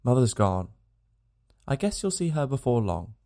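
A man's voice: medium pitch, very animated, normal speed, dark tone. A man playing a parched, dying frontiersman. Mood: weary. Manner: rough frontier vernacular, tender with the child. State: parched, dry-lipped. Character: gaunt dying frontiersman, parched, gentle, weary.

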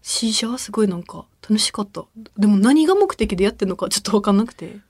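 Young woman, casual podcast chat, husky, fast talker. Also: medium pitch, lively intonation, darkish tone, no room sound, clean studio sound. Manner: laughs often, acts out quoted voices. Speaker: podcast co-host.

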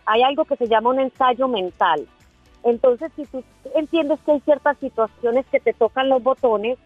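A woman guest expert giving clear, precise advice on calming anger in a podcast conversation. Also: on the high side, no room sound. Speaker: guest expert in emotional control. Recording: tinny phone-line sound.

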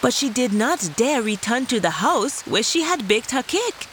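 A woman's voice: on the high side, very animated, normal speed, fairly bright tone, slight background noise. A woman hosting a children's story show, narrating in a playful way, like an entertainer addressing little listeners.

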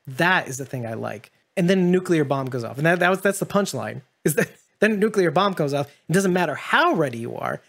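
A man's voice: on the high side, expressive, fairly quick, vocal fry, hardly any pauses, a bit bright. A man hosting a casual TV discussion, reflective and musing, often restarting his sentences. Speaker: podcast host.

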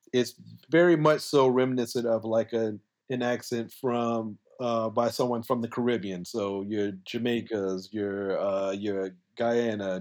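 Talking as a guest on a podcast, this coastal South Carolina man explains as he goes in a casual, colloquial interview style. His voice is medium-pitched, and he leans heavily on "like," "you know," and other conversational filler.

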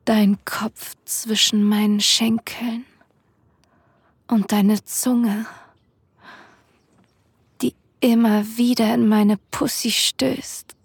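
Casting: woman for adult ASMR role-play audio. Airy, extremely breathy delivery, intimate manner, close and dry recording. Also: on the high side, little pitch movement, drawn-out words, long pauses, no echo. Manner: sensual, intimate, addressing the listener directly. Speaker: erotic audio performer. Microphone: close microphone, dry sound.

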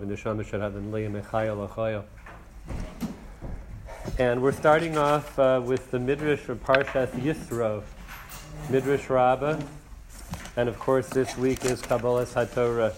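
Male teacher, mid-pitched, unhurried explaining, faint hiss behind. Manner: explains slowly, translating and counting lines aloud. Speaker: Torah class teacher. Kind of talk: teaching a text class.

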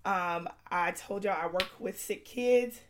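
A woman's voice: medium pitch, slow pace, fairly bright tone, a little hiss or hum. A woman hosting a faith-based podcast in a folksy, chatty, girlfriend-to-girlfriend way, her voice strained as she recovers from illness. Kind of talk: casual conversational faith-based podcast talk.

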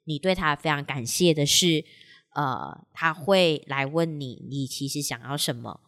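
A woman co-hosting a podcast, listening attentively and gently reflecting back on what her co-host says in casual chat. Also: deep voice, measured pace.

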